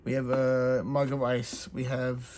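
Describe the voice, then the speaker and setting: Male hobby host, mid pitch, laid-back and chatty with lots of fillers, faint noise floor. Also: measured pace. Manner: relaxed, chatty, many fillers. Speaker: crafts channel host. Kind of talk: casual unboxing walkthrough.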